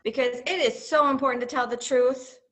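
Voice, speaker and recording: A woman co-hosting a children's show, chatty, gushing and expressive. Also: high voice, a little fast.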